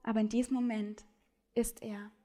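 A woman preaching a sermon, speaking straight to her listeners and swinging between loud urgent appeals and hushed, intimate lines. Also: a little high, level tone, normal speed. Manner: addresses listeners directly with questions.

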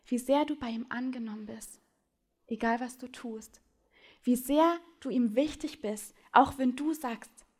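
High-voiced woman preaching a sermon. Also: measured pace. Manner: swings between loud urgent appeals and hushed, intimate lines; addresses listeners directly with questions.

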